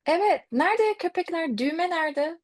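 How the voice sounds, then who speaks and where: A woman's voice: very high voice, expressive, moderate pace. A woman teaching and interviewing a language student in a friendly, encouraging chat. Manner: encouraging, often affirming the student.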